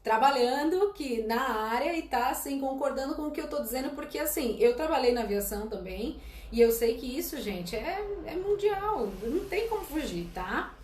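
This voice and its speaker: A woman's voice: high voice, animated, normal speed, darkish tone, reverberant, a little hiss or hum. A woman in her late twenties, an English teacher and former flight attendant from Brazil, giving blunt career advice in a live-stream Q&A and constantly checking in with her audience. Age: late 20s. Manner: direct, emphatic, frequently checks in with "tá?" and "gente".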